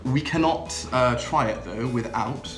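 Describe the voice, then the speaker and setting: A man's voice: medium pitch, unhurried, faint music behind. A young man hosting a drinks vlog in casual, upbeat chat, laughing often. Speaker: drinks channel host. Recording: echoey room.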